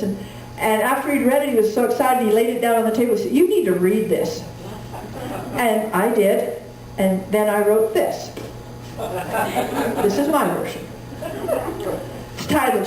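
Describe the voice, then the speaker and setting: A woman performs cowboy poetry in a very echoey room, picked up from a distance. Her voice is fairly high yet mellow. She delivers the rhymed verse like a folksy storyteller. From rural Wyoming, United States. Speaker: cowboy poet. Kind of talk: cowboy poetry recitation to a live audience. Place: indoor room at a live gathering. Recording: echoey room, distant mic, faint noise.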